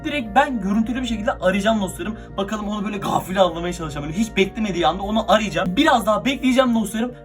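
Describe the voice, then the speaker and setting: A young man hosts a casual vlog with an excitable, chatty manner, constantly talking to his viewers. His voice sits very high and he talks fast. Faint music runs underneath. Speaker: YouTuber. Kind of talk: casual horror prank vlog.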